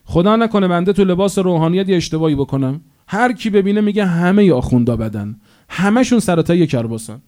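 A man's voice: high voice, expressive, a little mellow. A male cleric preaching a sermon in an impassioned, storytelling manner, rising to emphatic peaks.

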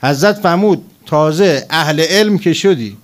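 A man's voice: fairly high pitch, lively intonation. Man preaching an emphatic sermon. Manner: storytelling, rising emphatic passages.

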